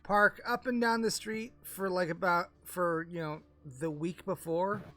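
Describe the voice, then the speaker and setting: A man's voice: high voice, steady tone, a little slow, pushed and bright. A man voicing a nosy elderly woman neighbor in a tabletop game, hesitant and stammering with many fillers. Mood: helpful. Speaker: game master. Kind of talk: tabletop role-play, improvised character voice.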